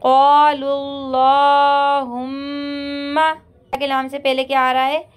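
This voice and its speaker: High-voiced woman teaching Quran reading. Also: flat delivery, fairly bright tone. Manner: patient, repeats "theek hai" often, chants the sample words slowly and drawn out. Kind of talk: step-by-step recitation lesson.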